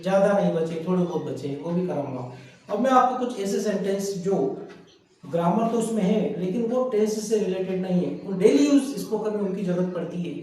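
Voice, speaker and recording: A man with a fairly high voice teaches a grammar lesson, spelling each word out and saying it over and over. He asks his students questions and then answers them himself. He sounds set back from the mic in a strongly echoing room. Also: a little mellow. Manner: spells words letter by letter and repeats them. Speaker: English teacher. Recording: very echoey room heard from a distance.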